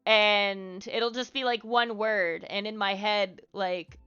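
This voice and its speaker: A young woman with a bright, smooth voice chats candidly on a live stream. She rambles with plenty of "like" and "um", talking openly with her viewers. The audio is dull and lo-fi, with faint music playing underneath. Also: mid-range voice, fairly even intonation, takes it slowly. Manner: rambling, many fillers and "like"s, candid. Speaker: live streamer answering chat. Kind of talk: casual live-stream advice chat.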